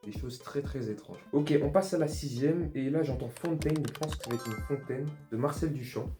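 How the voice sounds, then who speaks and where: A man's voice: medium pitch, a little fast, mellow, soft background music. A man casually reacting to artworks, thinking aloud and sounding amused as he discovers each one. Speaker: art vlogger.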